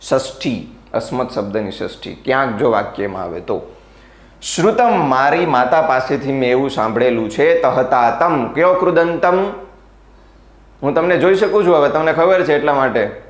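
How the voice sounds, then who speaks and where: A man teaching a revision class, lively and playful, teasing his students by name. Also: mid-range voice, moderate pace, reverberant.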